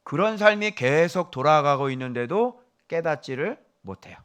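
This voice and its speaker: A middle-aged male pastor delivering a sermon, scolding and quizzing his listeners, jumping from loud emphasis down to hushed whispers. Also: a little high, expressive, normal speed, clean tone. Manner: scolding, asks the congregation questions.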